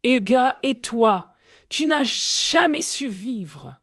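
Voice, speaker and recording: A man voicing a cold, scornful male rival who taunts and shouts in a story. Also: mid-range voice, sing-song, takes it slowly, no echo, studio quality. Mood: taunting.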